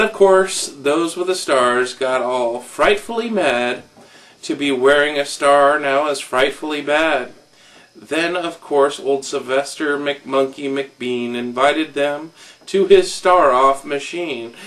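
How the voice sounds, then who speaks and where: A man slowly reading a rhyming children's story aloud in a rhythmic way, a little off-mic. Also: fairly high pitch, fairly bright tone, distant mic. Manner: slow, rhythmic rhyme reading.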